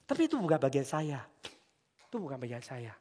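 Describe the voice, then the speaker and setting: Man, pastor, sermon, middle-aged, lively storyteller, long church reverb. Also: medium pitch, brisk, slightly rough. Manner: animated storytelling, swings between loud emphasis and quiet asides. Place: church sanctuary.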